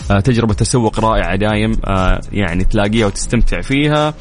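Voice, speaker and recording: A man's voice: on the low side, soft background music. A man with a Saudi accent hosting a radio call-in quiz show, playful and teasing with callers. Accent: Saudi Arabic. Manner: playful, teasing, counts down quickly. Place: radio studio.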